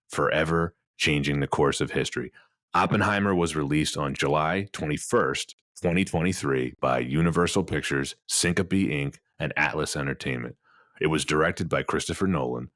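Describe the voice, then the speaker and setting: A man's voice: rumbling low, fairly bright tone, no echo, studio quality. A man hosting a casual film podcast, chatting and reading out film details with a few stammers. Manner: chatty, stammers on restarts, reads film facts out. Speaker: podcast host.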